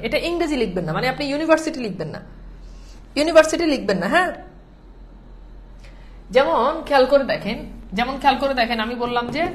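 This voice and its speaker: A woman's voice: sits high, a little hiss or hum. A woman with a Bangladeshi Bengali accent teaching an online class, patient, repeating points and often checking whether students follow.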